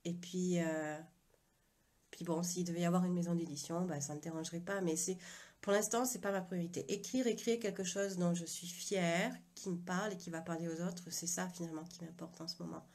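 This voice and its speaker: A woman's voice: fairly low pitch, steady tone, fairly quick, darkish tone. A woman author chatting on a live video stream from her phone, hesitant and full of fillers, with an unusual accent she calls her own. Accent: unusual accent, self-described. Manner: hesitant, many fillers and restarts. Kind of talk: casual live video chat.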